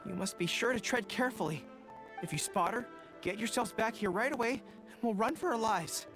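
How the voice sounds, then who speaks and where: A man's voice: high-pitched, lively intonation, normal speed, over music. A man voicing an earnest, nervous young male resistance general in a video game. He covers his fear with bravado.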